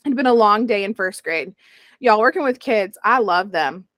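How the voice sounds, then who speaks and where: A woman's voice: mid-range voice, moderate pace, dry recording. A young woman, telling a personal story in a casual interview and acting out the voices she quotes. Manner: animated, acts out quoted voices. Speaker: guest sharing her story.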